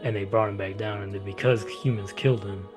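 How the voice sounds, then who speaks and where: Low-voiced man in casual, profane movie chat. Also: steady tone, brisk, over music. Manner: loose and profane, trails off into quiet asides. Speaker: movie reviewer.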